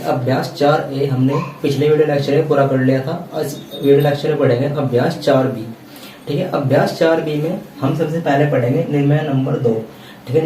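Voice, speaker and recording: Guy teaching maths at a board, patient, keeps checking in with students, mellow voice, kinda far from the mic in an echoey room. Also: fairly high pitch, slight background noise. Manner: repeats "theek hai" as a check-in filler; patient, explanatory, addresses students directly. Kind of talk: blackboard maths lesson. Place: classroom at a blackboard. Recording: echoey room, voice from a distance, faint ambience.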